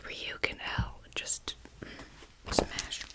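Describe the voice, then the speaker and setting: A woman whispers in a breathy voice, chatting in a casual, rambling, slangy way for ASMR. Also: very slow. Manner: informal, slangy, sweary, rambling. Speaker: ASMR video host. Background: nail tapping and page fluttering.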